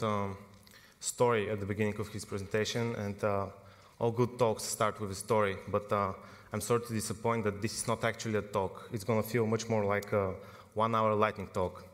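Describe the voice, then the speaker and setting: A young Bulgarian man gives a technical conference talk in a large hall, speaking informally with frequent fillers and self-corrections. His voice is fairly low, flat, and at normal speed, and the recording carries long hall reverb.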